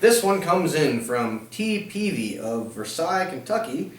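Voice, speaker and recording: A man's voice: fairly high pitch, sing-song, a little slow. Playfully questioning man in an echoey room. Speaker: co-host reading out questions. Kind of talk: casual comic interview chat. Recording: roomy, echoey, distant microphone.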